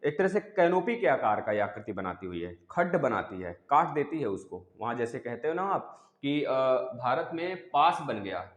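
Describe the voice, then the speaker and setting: A man's voice: mid-range voice, very animated, normal speed. A man giving an exam-prep geography lecture, repeating key terms and quizzing the students as he goes. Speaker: teacher. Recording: echoey room with long reverb.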